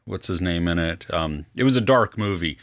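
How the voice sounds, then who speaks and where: A man's voice: low voice, expressive, moderate pace. Chill guy cohosting a podcast, voice goes up and down a lot, laughs easy. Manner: laid-back, chuckles often. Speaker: podcast co-host. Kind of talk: casual chat.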